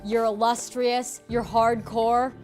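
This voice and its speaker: High-voiced lady doing a showy lawyer, music under it. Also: level tone, slow, darkish tone. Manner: theatrical, grandstanding. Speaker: opposing attorney in improvised comedy courtroom. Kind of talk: improvised comedy.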